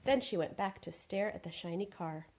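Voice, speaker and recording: A woman reading a picture book aloud in an expressive, animated way. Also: medium pitch, moderate pace. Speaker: storyteller.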